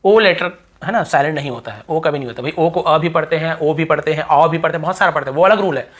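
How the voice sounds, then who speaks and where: Guy teaching english, stretches out each example word and repeats it, keeps asking if it's clear. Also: fairly high pitch. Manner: repeats example words slowly, drawn out, several times; asks the viewer quick check questions. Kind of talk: spoken language lesson.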